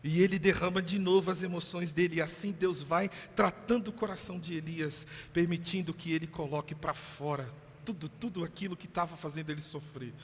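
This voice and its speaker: A male Brazilian pastor giving a lively sermon, acting out voices with laughing asides. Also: fairly high pitch, a little fast, hardly any pauses, a little hiss or hum. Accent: Brazilian Portuguese. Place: church hall. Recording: long hall reverb.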